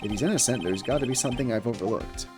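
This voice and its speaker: A man's voice: medium pitch, rapid-fire, natural voice. A man reading a nervous young lawyer. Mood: worried. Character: young male defense attorney, anxious but determined. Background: game music.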